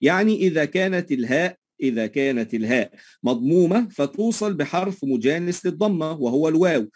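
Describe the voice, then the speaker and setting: A man with an Egyptian Arabic accent leads a tajweed lesson in a somewhat high, husky voice. He poses a question, pauses, and then answers it himself, and he often stops to check that his listeners are following. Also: expressive, darkish tone. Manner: checks understanding often with short tag questions. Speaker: teacher.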